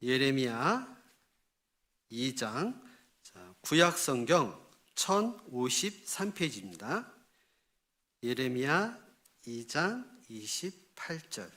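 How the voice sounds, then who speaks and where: A man preaching a Sunday sermon as a pastor. He reads scripture slowly, then acts out God's rebuke in lively exclamations and asks the congregation rhetorical questions. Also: mid-range voice.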